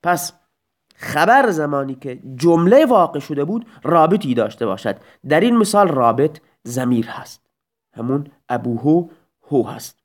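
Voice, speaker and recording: A male teacher walks through grammar patiently, one step at a time, asking rhetorical questions and then answering them himself. His voice sits fairly high and moves up and down a lot. It sounds like a recorded audio lesson. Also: sing-song.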